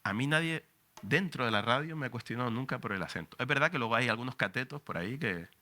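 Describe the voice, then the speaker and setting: A man's voice: mid-range voice, expressive, quick pace, sharp tone. A man in his forties with a Canarian Spanish accent, speaking passionately as a journalist on a panel at a book presentation. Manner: passionate, emphatic, frank and profane. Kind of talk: public talk at a book presentation.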